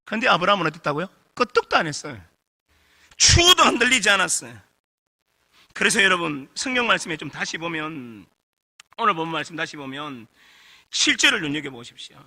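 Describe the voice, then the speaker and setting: A man's voice: fairly high pitch, a little fast. A middle-aged male pastor preaching a revival sermon, questioning the congregation and getting them to answer back. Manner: animated preaching with call-and-response questions to the congregation. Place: church sanctuary. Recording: long hall reverb.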